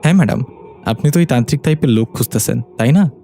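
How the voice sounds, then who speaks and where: A man's voice: mid-range voice, animated, racing, warm tone, close to an everyday voice. A man voicing a timid young petty thief, humble and frightened as he tells his story. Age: 20s.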